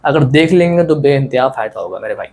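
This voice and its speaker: A man teaching an online lesson in a relaxed, friendly way, asking questions and answering them himself and often repeating his points. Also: medium pitch, quick pace. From South Asia. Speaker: Quran teacher.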